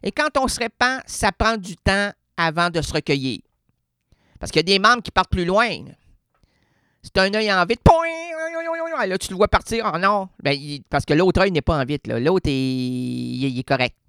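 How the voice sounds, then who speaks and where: With a Québécois accent, a radio columnist delivers an absurd comic monologue in a clear, resonant voice at normal speed, studio quality with no echo. He rambles, stops mid-word, and plays with words and sounds, swinging between high excited bursts and low murmurs.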